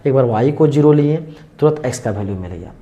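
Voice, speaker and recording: A man's voice: mid-range voice, animated, fast talker, dark tone, dull audio. A man teaching a maths class, explaining each step and asking and answering his own questions as he draws on the board. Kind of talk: classroom lecture.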